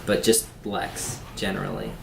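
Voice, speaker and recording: A man's voice: low-pitched, steady tone, unhurried, gravelly, fairly bright tone. A man in his twenties from Pennsylvania, chatting casually and telling stories in a matter-of-fact way on a home vlog. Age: 20s. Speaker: vlogger. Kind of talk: casual chat. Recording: roomy home video with faint noise.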